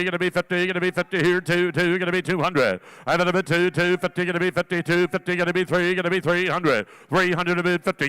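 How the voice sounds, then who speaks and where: A man working as an auctioneer, calling bids in a rapid, rolling chant with repeated filler phrases between the numbers. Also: high voice, fairly bright tone, clean tone.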